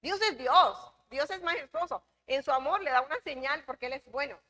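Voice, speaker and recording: A woman's voice: high voice, moderate pace, pushed and bright. A woman from the Republic, teaching a church Bible class in an emphatic way, repeating key phrases and asking the class questions. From Dominican Republic.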